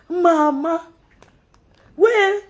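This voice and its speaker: High-voiced Cameroonian woman, mocking commentary. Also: very slow. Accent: Cameroonian French. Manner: mocking and scolding, laughing often. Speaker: social media commentator. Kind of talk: casual live commentary.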